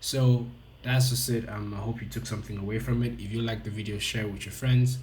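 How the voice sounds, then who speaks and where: Low-voiced man reviewing trades casually. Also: fairly even intonation, brisk, a little mellow, a little hiss or hum. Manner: loose and conversational, frequent fillers and restarts. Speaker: forex trading educator.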